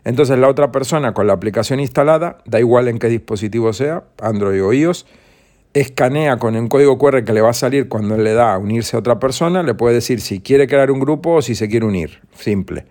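A man's voice: mid-range voice, a little fast, darkish tone. A man hosting a solo podcast, explaining things in a rambling, casual way with frequent restarts. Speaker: podcast host.

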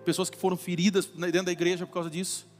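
High-voiced Brazilian pastor preaching. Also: male voice, level tone, very fast. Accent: Brazilian Portuguese. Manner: conversational preaching with acted-out everyday quotes. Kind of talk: sermon. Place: church hall. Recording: reverberant church hall with faint music.

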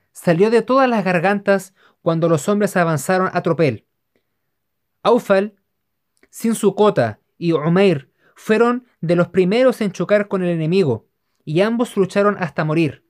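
A narrator giving a steady, measured scripted reading of religious history. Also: mid-range voice.

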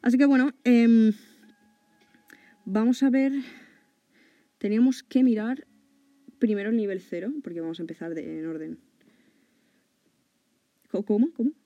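A woman's voice: fairly high pitch, measured pace, long pauses, dark tone, dry recording, highs cut off. A young woman from hosting a podcast in casual chat, talkative and laughing often, with casual swearing. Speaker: podcast host.

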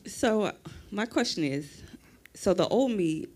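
A woman in the congregation asking the pastor a question, hesitant and halting, poking fun at herself. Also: mid-range voice, animated, darkish tone, husky. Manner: hesitant, halting, self-deprecating. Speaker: church member asking a question. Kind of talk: casual question from the floor.

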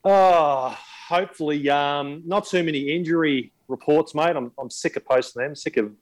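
A man's voice: fairly high pitch, normal speed. A man with an Australian accent giving team news in a laconic, matey, slangy way on a casual rugby league show. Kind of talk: casual sports chat.

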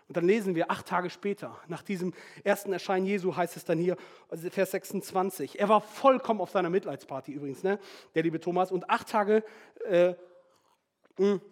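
Male preacher, high voice, slangy and animated, acts out bible scenes, throws in foreign phrases. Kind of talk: lively informal sermon.

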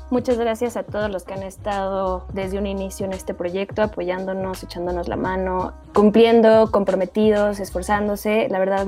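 A woman's voice: medium pitch, dark tone. A woman giving an earnest closing message on a radio show. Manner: earnest, thankful.

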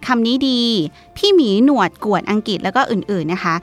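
Fast-talking Thai woman podcast host. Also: mid-range voice, very animated, faint music behind. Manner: bubbly, chatty, lots of polite particles. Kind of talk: scripted podcast intro.

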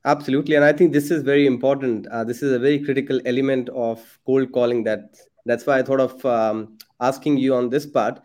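A man's voice: medium pitch, steady tone, a little fast, few pauses, a little mellow. A man hosting a podcast, asking long, carefully framed interview questions. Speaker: podcast host.

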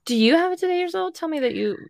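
A woman's voice: extremely high pitch, expressive, rapid-fire, gravelly, a little mellow, no echo, clean studio sound. Chatty, giggly woman podcast co-host. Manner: giggly, chatty, loose rambling. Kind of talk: casual chat.

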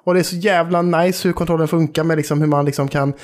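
A man's voice: a little high, steady tone. A podcast co-host and man from Sweden, chatting casually and enthusiastically, swearing often and using lots of fillers. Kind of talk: casual chat.

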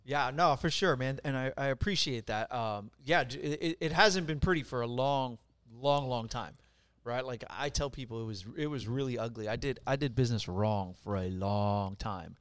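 A middle-aged Puerto Rican mortgage lender appears as a guest on a casual podcast interview in an office studio. He tells stories bluntly, energetically and with profanity. His mid-range voice moves at a moderate pace, and the sound is clean with no echo.

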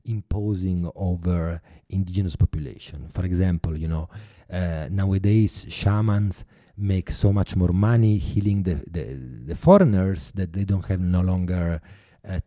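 An Italian-accented man with a very low, deeply mellow voice answers interview questions earnestly and haltingly, stopping often to restart. The sound is close and dry. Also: no room sound. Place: New York.

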